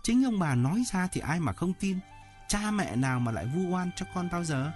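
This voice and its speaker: A man voicing a stern teacher who speaks clearly and deliberately, as if lecturing a pupil. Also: sits high, sing-song, music in the background, pitched above the performer's own voice. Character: precise, stern male teacher acting as mediator.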